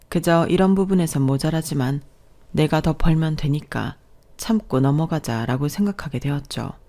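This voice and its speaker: 여성 낭독자가 1인칭 사연을 차분하고 고른 목소리로 읽어 나갑니다. 담담하게 또박또박 이야기를 풀어가는 대본 낭독입니다. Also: female voice, low voice, warm tone. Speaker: storyteller. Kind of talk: scripted first-person story narration.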